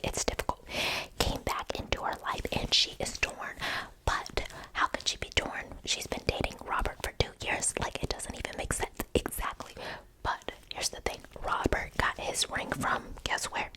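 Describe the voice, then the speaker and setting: A woman's voice: moderate pace, rough recording. A woman in a whispered role-play, whispering a secret as a gossipy ear-cleaning attendant confiding in a client. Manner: whispering a secret, hushed and conspiratorial. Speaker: ASMR performer.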